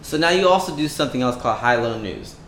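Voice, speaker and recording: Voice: mid-range voice, animated, fast talker, fairly bright tone. A show host interviewing a guest in an informal, slangy way, often repeating short phrases. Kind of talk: casual interview chat. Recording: roomy echo with faint background noise.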